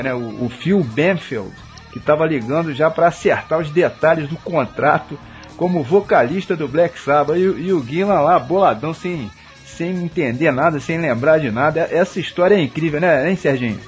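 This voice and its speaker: A man with a Brazilian accent hosting a radio show, chatting casually and often adding "né?". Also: a little high. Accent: Brazilian Portuguese. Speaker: radio host. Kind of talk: casual radio chat about rock music. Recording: slightly dull radio sound.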